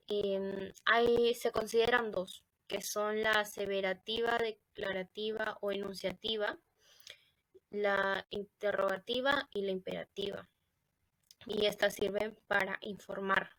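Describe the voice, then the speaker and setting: A woman's voice: medium pitch, a bit bright, no room sound, low-quality recording. Hesitant Latin American woman presenting. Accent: Latin American Spanish. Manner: hesitant, with fillers and self-corrections. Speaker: student presenter. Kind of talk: recorded class presentation. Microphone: computer microphone.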